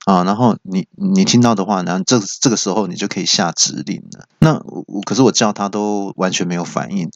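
A man's voice: sits low, fairly quick, creaky, hardly any pauses, no room sound. Male comic host, storytelling, dry lo-fi sound. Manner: animated, stammering restarts. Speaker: comedy podcast host. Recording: dry, dull lo-fi.

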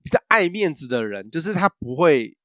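A man's voice: on the high side, sing-song, normal speed, a bit bright, no room sound, studio quality. A man, co-hosting a casual podcast chat and telling a rambling story full of fillers and restarts. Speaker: podcast co-host.

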